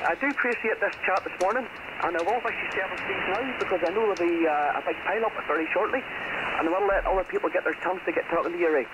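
Fast and high-pitched, a British man calls in as a ham radio operator for a casual chat. His shortwave signal arrives noisy and muffled.

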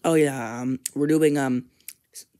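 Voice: mid-range voice, steady tone, measured pace, warm tone, close to an everyday voice. Brief: a fan doing a stuttering, mischievous old scientist man for a plush toy skit, uh-filled and teasing. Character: stammering male scientist grandpa, cranky and mischievous.

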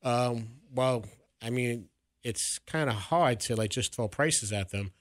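A man's voice: mid-range voice, slow pace, no room sound. A man answering as a contractor guest on a radio show, speaking hesitantly with many fillers into a studio mic. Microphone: studio mic on boom arm.

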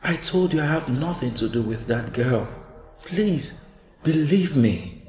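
In a relationship skit, an actor plays a remorseful man begging his partner's forgiveness, his delivery pleading and apologetic. The voice sits on the high side, expressive and darkish, at a measured pace. It was captured in an echoey room with faint music.

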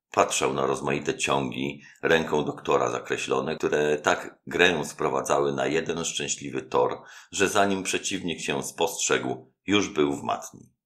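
Very deep, gravelly male storyteller. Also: a bit bright. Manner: measured, dramatic storytelling. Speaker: audiobook narrator. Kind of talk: literary audiobook reading.

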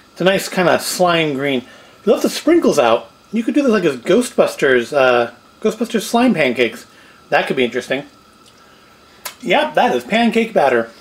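In a rough recording, a man whose voice sits high hosts a homemade food review. Indoors at home, first at a table and then in the kitchen, he cooks while casually rambling, wry and self-questioning as he thinks aloud.

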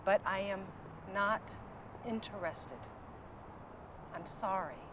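A woman's voice: medium pitch, slow, natural voice. An actress playing a tired, firm woman turning away an admirer in a TV drama. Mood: firm, apologetic. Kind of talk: TV drama acting. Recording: slightly distant, faint outdoor street noise.

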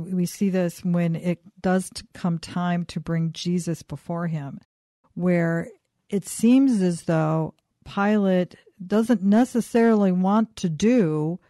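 A woman hosting a faith podcast, asking thoughtful questions in a halting, conversational way. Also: lowish voice, dark tone, no room sound, studio quality. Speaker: podcast host and interviewer. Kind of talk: conversational interview.

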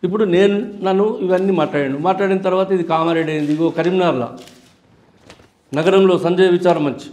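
A man's voice: sits high, darkish tone, reverberant. An older man with a Telangana Telugu accent, a politician answering interview questions in an angry, accusatory way, challenging a rival directly. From Telangana, India.

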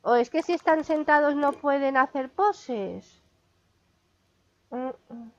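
Brief: young Spain Spanish woman gamer, chatty and exclamatory, high-pitched, dull recording. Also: slow pace. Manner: chatty, exclamatory, talks to viewers. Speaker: gaming vlogger. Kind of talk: casual gameplay commentary. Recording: dull lo-fi sound.

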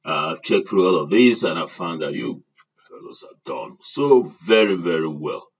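A man's voice: low voice, big pitch swings, moderate pace, slightly rough, far from the mic, highs cut off. An older man giving a screen-share lesson, talking straight to his class and asking them to repeat after him. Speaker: online course instructor.

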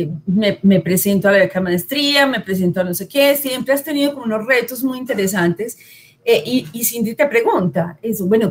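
A woman's voice: mid-range voice, a little hiss or hum. A woman from Colombia hosting an interview, asking long, rambling questions with frequent tag questions. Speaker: interviewer, host.

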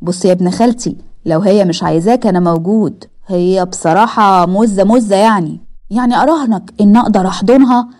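A woman's voice: medium pitch, quick pace, a little mellow, close to an everyday voice. A woman with an Egyptian accent voicing a brash, cocky young man who jokes and boasts. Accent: Egyptian Arabic. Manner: cocky, joking banter.

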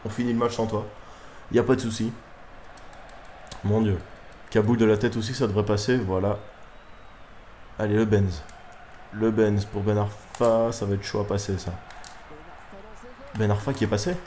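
A young man commentates his own football video game match live, excitable and quick to swear at his players. His voice sits low, with a faint hum of room noise underneath. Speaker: gaming YouTuber. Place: room at home at night.

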